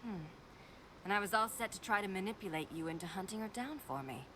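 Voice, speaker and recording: An actress playing a scheming female alien diplomat who speaks smoothly and condescendingly. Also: mid-range voice, lively intonation, brisk, fairly bright tone, a little hiss or hum, close to an everyday voice. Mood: calculating.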